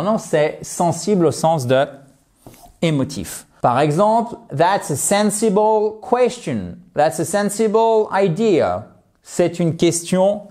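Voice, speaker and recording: Lively man teaching English. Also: fairly high pitch. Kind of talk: language lesson.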